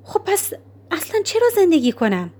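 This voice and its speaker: Brief: woman doing a young woman in despair, high and pleading, emphatic, storybook reading. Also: huge pitch swings, dark tone, heavily acted. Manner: emphatic, raised voice. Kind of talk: audiobook character reading.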